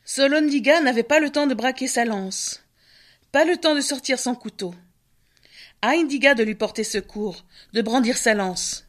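A woman telling a folk tale in scripted narration. Her voice sits a little high and her delivery is measured and expressive. She paces the story with care.

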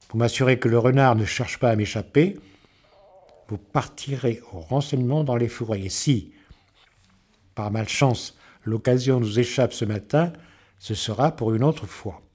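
A man's voice: medium pitch, a little mellow, natural voice. A man doing a proud, fussy rooster. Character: proud, wary male rooster. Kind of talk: storybook reading.

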